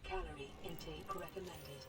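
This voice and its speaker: A woman voicing the female computer of a survival suit, giving flat, calm status announcements in a game. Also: sits low, moderate pace, very noisy, natural voice.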